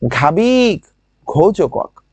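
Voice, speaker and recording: A man with a regional Bangladeshi lilt teaching a grammar class online. He drills words by saying them slowly again and again and keeps asking his students questions. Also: sits high, sing-song, husky, no echo. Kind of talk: online admission-prep class.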